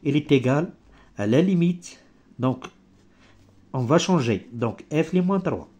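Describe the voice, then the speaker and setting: A male maths teacher, not a native French speaker, explaining step by step in halting, broken French with grammatical slips and searches for words. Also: a little high, expressive, mellow. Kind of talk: improvised maths lesson.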